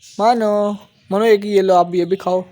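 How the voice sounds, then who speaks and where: High-voiced man chatting to his pets. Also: steady tone, measured pace, darkish tone. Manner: chatty, fondly scolds his birds as they eat. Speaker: pet-keeping vlogger. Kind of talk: casual vlog narration while feeding pets. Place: outdoors at his pet cages, on the rooftop.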